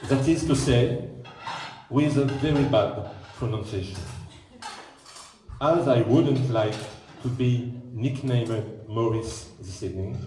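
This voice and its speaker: A man's voice: medium pitch, slow, dark tone. A middle-aged man giving a speech as father of the groom, reading a formal text with dry jokes about himself. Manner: reads formal text, breaks off for dry self-mocking jokes. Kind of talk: prepared speech with joking asides. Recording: echoey hall, far from the mic, faint noise.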